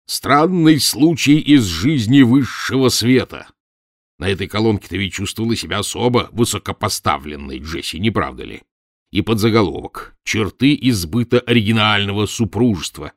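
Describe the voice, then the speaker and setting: Man doing a gruff mocking professor. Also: expressive, fairly quick, fairly bright tone, no room sound, clean studio sound. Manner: grumbling, sardonic, booming. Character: gruff domineering mocking middle-aged professor. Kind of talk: audiobook character voice.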